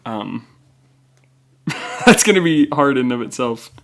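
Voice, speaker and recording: A man talks as a podcast co-host in a loose, informal chat. He explains game rules in a rambling way, often feeling around for the right word. His voice sits at an average pitch for a man. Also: animated, slow pace, a bit bright. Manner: informal, rambling, searching for words. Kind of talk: casual chat explaining a pen-and-paper game.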